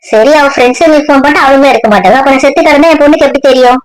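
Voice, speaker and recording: A woman's voice: sits high, racing, lightly acted, poor audio. A woman playing a sick, resentful middle-aged mother who scolds bitterly in a scripted comedy skit. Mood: scolding.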